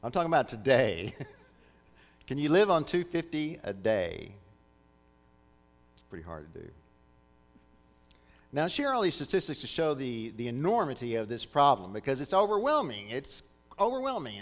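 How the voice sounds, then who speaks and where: A man's voice: medium pitch, big-room sound. A man preaching a sermon as pastor, earnest and repeating key phrases for emphasis.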